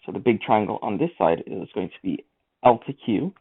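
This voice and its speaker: A man's voice: fairly low pitch, lively intonation, normal speed, slight background noise. A man teaching a math lesson, talking through each step of the working aloud. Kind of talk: screen-recorded lesson walkthrough. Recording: tinny lo-fi mic.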